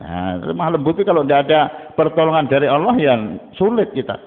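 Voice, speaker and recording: Animated preacher, tinny and echoey. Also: male voice, a little fast. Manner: animated, rising to high emphatic bursts and dropping low. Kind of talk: dawn sermon. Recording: tinny phone-like sound with long hall reverb.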